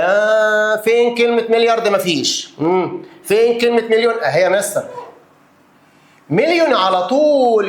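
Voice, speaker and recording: A man's voice: a little high, echoey room. A man with an Egyptian Arabic accent teaching a math lesson, counting places aloud and answering his own questions as if he were the pupil.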